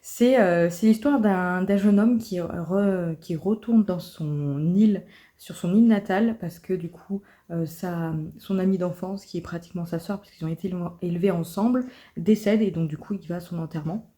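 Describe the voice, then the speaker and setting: A woman's voice: lowish voice, normal speed. A woman vlogger chatting casually about her coloring books, with lots of fillers and restarts. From France. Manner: chatty, many fillers and restarts, soft asides. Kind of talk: casual vlog chat.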